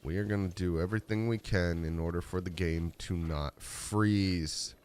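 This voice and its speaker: A man streaming live gameplay, talking and rambling to his chat, with a deep, raspy voice from a rough throat. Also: steady tone, normal speed, darkish tone, a little hiss or hum. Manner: rambling, humming along while playing.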